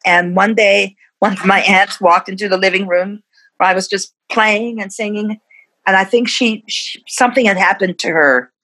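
A woman's voice: medium pitch, fairly bright tone, low-quality recording. A woman in her fifties, a musician being interviewed, who talks in a reflective way and laughs often between thoughts. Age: 50s. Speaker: musician guest. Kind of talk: casual interview.

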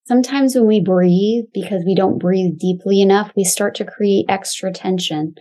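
Woman leading a calm grounding exercise. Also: mid-range voice, moderate pace. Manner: calm, soothing, instructive. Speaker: Pilates and embodiment teacher, guest.

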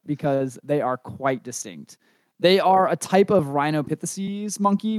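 A young man co-hosting a podcast, chatting casually and relaxed, with a self-deprecating streak. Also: a little high, dry recording. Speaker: podcast co-host. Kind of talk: casual chat.

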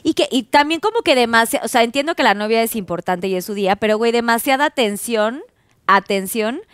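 A bubbly Mexican woman hosts a chat in a high voice that swoops widely. She questions her guests and laughs a lot. The recording is dry and close. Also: lively intonation, a little fast, fairly bright tone, smooth, dry recording. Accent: Mexican Spanish. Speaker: host. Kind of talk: casual chat.

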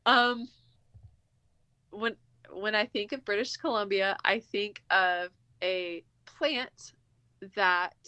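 A woman's voice: mid-range voice, pushed and bright, no room sound. A woman chatting casually as a guest, reacting expressively with little interjections. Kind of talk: casual chat.

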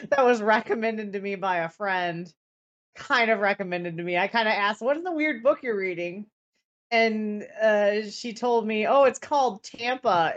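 Female podcast co-host, medium pitch, frazzled and tired, loose rambling chat with frequent false starts. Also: a bit bright, muffled recording. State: mentally fried, tired. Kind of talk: casual live-stream chat.

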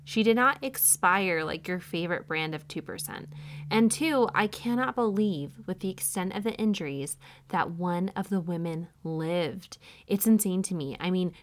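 A woman's voice: lowish voice, a bit bright. A woman in her thirties hosting a casual commentary, chatty and sarcastic. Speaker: podcast host recapping a true-crime show.

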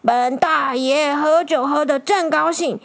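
A woman's voice: sits high, measured pace. Give me a woman playing a cruel drunken old man barking insults. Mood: angry. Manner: shouting, scolding.

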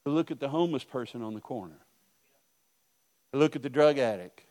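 A middle-aged male pastor preaching a sermon, telling stories and swinging from hushed asides to loud outbursts. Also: medium pitch, fairly quick.

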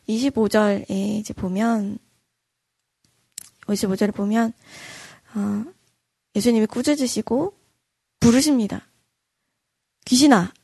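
A woman's voice: mid-range voice, fairly even intonation, unhurried, gravelly, pauses often, mellow, slightly rough, dry recording, studio quality. A woman pastor preaching an earnest dawn-service sermon, acting out quoted voices and repeating lines for emphasis.

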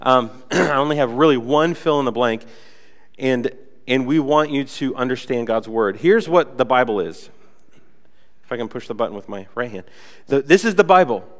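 In a spacious-sounding sanctuary, a young pastor with a mid-range voice speaks at a moderate pace, his intonation lively. His sermon is conversational and loose, full of chatty fillers, and his cold gives him a slight nasal quality.

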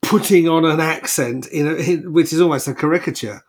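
A man in his sixties co-hosting a podcast in casual chat. He speaks in a measured, thoughtful way and hums along while listening. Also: fairly high pitch. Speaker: podcast co-host.

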